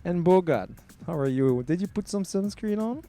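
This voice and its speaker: A man hosts a relaxed podcast chat at a table outside. His voice is mellow and rises and falls a lot, and he keeps things moving with quick questions. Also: sits high, soft background music. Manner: upbeat, leading the talk with quick questions. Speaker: podcast host. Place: outdoors at a table in the sun.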